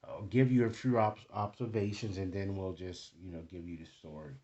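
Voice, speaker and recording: Over a muffled recording, a deep-voiced man gives a loose, improvised tarot reading to the viewer, frequently checking in with quick tag questions. He speaks a little fast in a steady, dark tone.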